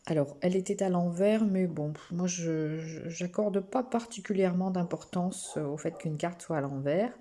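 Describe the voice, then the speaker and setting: A French woman gently reading oracle cards to her viewers, with many pauses and small restarts. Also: on the low side. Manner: slow, gentle, with frequent hesitations and restarts. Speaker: spiritual card reader. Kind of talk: oracle card reading to camera.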